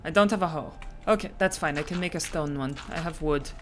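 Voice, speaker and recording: A woman's voice: sits low, brisk, background noise. A young woman streaming a game, talking anxiously to herself in repeated reassurances, dropping to whispers and snapping back at her chat. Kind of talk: live-streamed gameplay with in-character roleplay.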